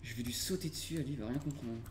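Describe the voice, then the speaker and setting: Excitable French gaming streamer, echoey room. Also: male voice, mid-range voice, racing, noisy background. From Burgundy, France. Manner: playful, excitable, swears casually. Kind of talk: live gaming commentary.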